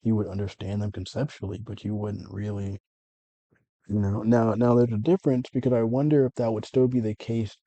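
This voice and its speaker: A man with a low, very dark and husky voice rambles through a personal monologue, circling back and correcting himself as he goes. The sound is dry and close, with no room around it. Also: fairly even intonation, fairly quick, dry recording, highs cut off. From United States. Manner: meandering, self-correcting, frequent swearing. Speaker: vlogger.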